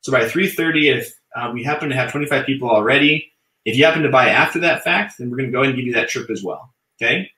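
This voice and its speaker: A man's voice: medium pitch, quick pace, bright, forceful tone, reverberant, poor audio. A young man co-hosting a sales webinar in casual, chatty talk, upbeat and loose with fillers. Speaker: webinar co-host.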